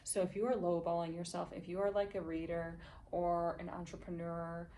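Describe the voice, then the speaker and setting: A woman giving an intuitive tarot reading to her viewers, gentle and encouraging, often checking in with "okay?" and "all right?". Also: on the low side, flat delivery, normal speed. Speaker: tarot reader. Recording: voice a bit far from mic, faint background noise.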